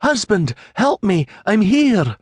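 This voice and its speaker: Desperate young wife, voiced by a man, audiobook, pleading, breathless, husky, dry. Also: high-pitched, very animated, slow, darkish tone, no echo, voice pushed up, full character voice. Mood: shouting.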